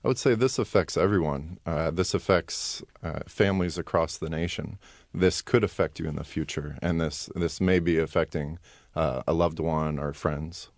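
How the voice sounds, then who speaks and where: Male student interview guest. Very deep bass voice, sincere delivery, no room sound. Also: steady tone, moderate pace, no echo. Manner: earnest. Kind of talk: earnest radio interview answers.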